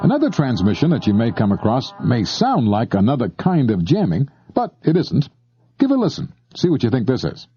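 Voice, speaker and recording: Over a noisy background and with the highs cut off, a medium-pitched man with huge pitch swings speaks at a normal speed. He is narrating a shortwave-listening instruction tape, delivering scripted explanations in a conversational way aimed right at the listener.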